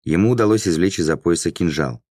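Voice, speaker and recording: A man with an extremely deep, low voice narrates a fantasy audiobook. His delivery is measured and even. The sound is close and dry, with no room echo.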